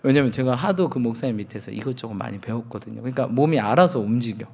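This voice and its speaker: A man's voice: medium pitch, animated, fast talker, vocal fry, a little mellow, husky. A man in his thirties, a pastor preaching a sermon, telling candid self-mocking stories and acting out quotes.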